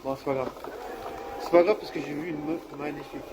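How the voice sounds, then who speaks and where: Speaking a little fast with a fairly high pitch and fairly even intonation, a young vlogger records outdoors amid background noise. He wanders through his day in slangy, self-deprecating talk, cold and starting to fall ill.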